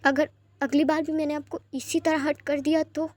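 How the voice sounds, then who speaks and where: A woman voicing a gentle, apologetic young man in a fanfiction reading, soft-spoken and pleading. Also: sits high, flat delivery, normal speed, natural voice. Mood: tender.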